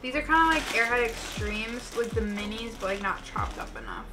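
A woman in her twenties with a slightly high voice chats casually while eating sour candy. She sounds like a co-host in a taste-test vlog, with music clearly playing behind her. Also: animated, a little fast, low-quality recording. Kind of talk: casual chat. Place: small bedroom, indoors.

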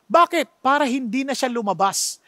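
Filipino pastor, high voice, emphatic sermon delivery, rhetorical questions, dry close sound. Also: male voice, lively intonation, moderate pace, fairly bright tone, dry recording. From Philippines. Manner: mixes Tagalog with English phrases.

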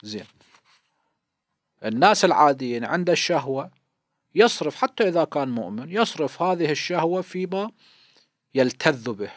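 A man's voice: on the high side, sing-song, normal speed, long pauses, dry recording, studio quality. A man in his fifties with an Iraqi Arabic accent, a cleric giving a seminary lesson on hadith, explaining patiently and posing questions he then answers himself. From Iraq. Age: 50s.

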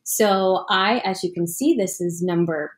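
A woman's voice: lowish voice, a little slow. A young woman hosting a casual video podcast from a living room, upbeat and gushing, laughing often. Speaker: podcast host.

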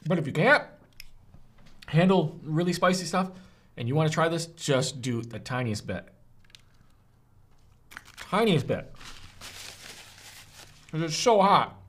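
A man's voice: fairly high pitch, normal speed, long pauses. A man casually reviewing spicy chicken bites for his vlog, gasping and groaning as his mouth burns from the hot sauce. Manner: animated, groaning and gasping from the heat. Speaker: food reviewer.

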